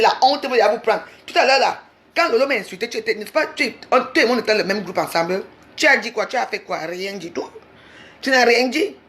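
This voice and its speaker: A woman's voice: mid-range voice, fairly bright tone. A woman in a heated livestream rant, confrontational and repeating herself insistently. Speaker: social media livestreamer.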